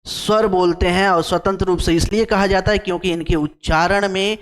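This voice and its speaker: A man with a high, bright-sitting voice teaches an exam-prep lecture. He repeats each term, asks the class questions and answers them himself, and stretches vowel sounds out to show their length. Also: steady tone, a little fast, in a large hall. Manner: repeats key terms and quizzes the class with questions.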